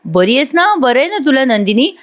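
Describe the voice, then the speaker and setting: A woman's voice: high voice, sing-song, a little fast, pitched above the performer's own voice. A woman voicing a playful, affectionate young husband in a spoken recap of a TV serial. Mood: teasing, tender.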